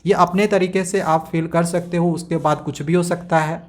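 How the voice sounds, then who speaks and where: A man teaching a primary school English lesson, reading English lines slowly and explaining each one step by step, often asking if it is understood. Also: fairly high pitch, steady tone, a little mellow. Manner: explains step by step, often checks "samajh mein aa gaya?".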